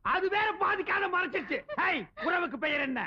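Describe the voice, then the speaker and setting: An actor playing a hot-tempered shopkeeper who scolds and shouts insults in a comedy film scene. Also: male voice, very high voice, expressive, a little hiss or hum. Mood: exasperated. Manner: loud, scolding, quick to yell insults. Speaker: comic lead in a film scene. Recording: dull lo-fi old film audio.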